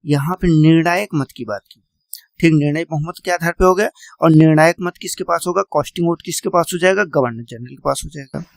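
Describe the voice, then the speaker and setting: Gravelly male teacher lecturing. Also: on the high side, fairly even intonation, brisk, no room sound. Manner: repeats key points and quizzes students; addresses students as "beta". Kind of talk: classroom lecture.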